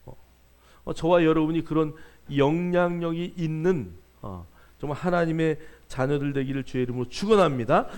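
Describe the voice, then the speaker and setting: Man, pastor, church sermon, high voice, playful, exhorting, jokes with the congregation. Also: moderate pace, a little mellow, clean tone.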